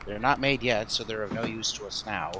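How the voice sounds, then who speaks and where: A man playing a tabletop game, talking in a halting, jokey way. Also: lowish voice, noisy background. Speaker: player.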